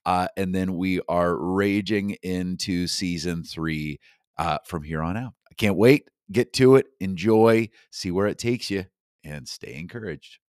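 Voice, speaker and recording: A podcast host and coach records an upbeat solo episode in his studio, speaking to the listener directly with enthusiastic encouragement while fighting a cold that makes his voice a little scratchy. His voice sits low, slightly mellow and unhurried, and the studio sound is clean with no room sound.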